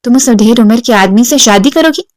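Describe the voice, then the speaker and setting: A woman's voice: a little high, animated, darkish tone, no echo, clean studio sound, lightly acted. A woman voicing a strict, angry middle-aged father with a stern, raised voice.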